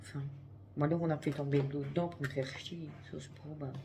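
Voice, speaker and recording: A woman's voice: low voice, flat delivery, fast, background noise. A woman vlogging in casual chat to camera, chatty and swearing freely, talking through a headset.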